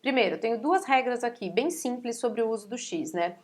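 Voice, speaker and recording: A woman's voice: fairly high pitch, lively intonation, brisk. A woman with a Brazilian Portuguese accent, a teacher explaining spelling rules step by step and often checking in with her students. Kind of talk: recorded spelling lesson.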